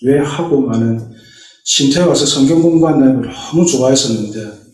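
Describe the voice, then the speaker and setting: A middle-aged man tells his church testimony like a story and slips into family members' lines as he goes. His voice is mellow and dark. It rings through a big echoey church hall, picked up from well back. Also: medium pitch, brisk, recorded from a distance. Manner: storytelling, acting out family dialogue. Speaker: church deacon giving a testimony. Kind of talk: personal testimony told as a story. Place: church sanctuary.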